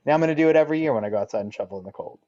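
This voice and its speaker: A man's voice: medium pitch, animated, rapid-fire, dark tone, dull audio. A man co-hosting a podcast, making short wry remarks in casual chat. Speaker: podcast co-host.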